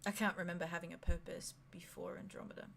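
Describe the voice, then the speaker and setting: A woman voicing a brooding, tormented man with a flat, sarcastic manner in a tabletop role-play. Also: lowish voice, fast, gravelly, a little hiss or hum. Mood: numb, sardonic.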